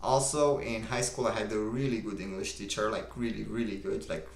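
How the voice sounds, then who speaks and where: A young man from Romania with a Romanian accent, calmly reading viewer comments aloud and answering them on a live stream. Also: on the low side, fairly quick, vocal fry, reverberant, slight background noise. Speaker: livestream host. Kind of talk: casual live-stream chat.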